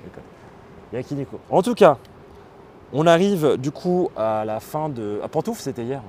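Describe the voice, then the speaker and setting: A man hosting a live stream, explaining things casually and pausing often on fillers as he reads and answers chat. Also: medium pitch, expressive, darkish tone, a little hiss or hum. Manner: explanatory, hesitant, with many fillers. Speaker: livestream host.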